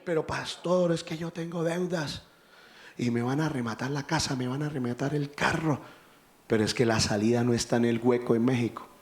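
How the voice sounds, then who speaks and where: A man preaching a sermon as pastor, impassioned and rising to shouts. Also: mid-range voice, fairly quick, roomy sound.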